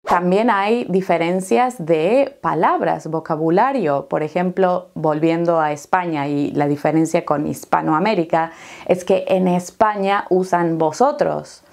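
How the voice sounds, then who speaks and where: Slow, clear Argentine woman teaching Spanish. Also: on the low side, darkish tone. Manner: clear, deliberate teacherly explaining with rhetorical questions. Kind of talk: explanatory online language lesson.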